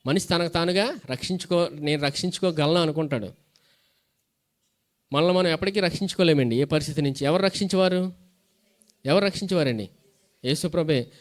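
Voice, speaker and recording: High-pitched pastor guy preaching, keeps asking questions and answering them himself. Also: fairly quick, pauses often. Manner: reads scripture aloud between plain explanations. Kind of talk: sermon.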